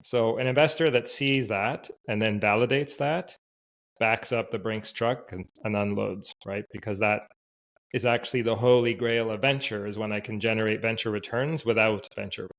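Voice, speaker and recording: A man's voice: fairly low pitch, moderate pace, fairly bright tone. A man answering in a podcast interview, explaining his ideas confidently through homely analogies. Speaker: startup advisor guest.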